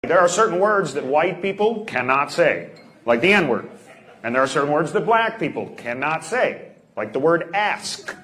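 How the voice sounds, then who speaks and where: A man does stand-up crowd work with a brash, teasing edge. His voice sits fairly high and swings widely. The echoey club is full of loud crowd noise. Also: very animated, moderate pace. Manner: teasing, brash, shouts punchlines. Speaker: stand-up comedian. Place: comedy club stage.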